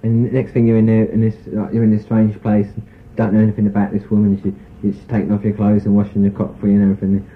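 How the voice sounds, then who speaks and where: Rambling man on a tinny tape. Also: fairly low pitch. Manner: rambling, full of "you know" and "sort of". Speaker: interviewee. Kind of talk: frank rambling personal account. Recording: tinny phone-like tape recording with faint hiss.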